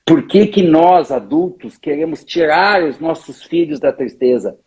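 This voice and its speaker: A man speaks in a husky, slightly breathy voice that sits high for a man. He talks emphatically, illustrating his points with little stories in a conversational interview. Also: expressive, measured pace, darkish tone. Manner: emphatic, tells stories, often addresses the other speaker by name. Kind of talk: animated conversational explanation.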